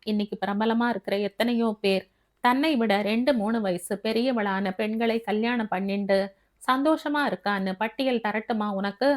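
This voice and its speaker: A woman reading as a bold young suitor who argues his case with coaxing confidence. The audiobook voice lifts higher as he presses his point. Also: close to an everyday voice.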